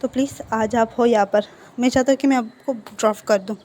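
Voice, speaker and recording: A calm, charming young man, voiced by a woman narrator in a read-aloud fan story. He speaks with courteous politeness in a mellow voice that sits slightly high. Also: brisk, slight background noise, close to an everyday voice.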